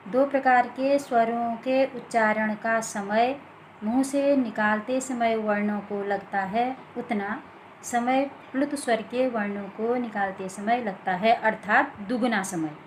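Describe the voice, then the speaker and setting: A woman teaching a grammar lesson, explaining slowly and deliberately from written notes with many pauses. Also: on the high side, slight background noise, rough recording.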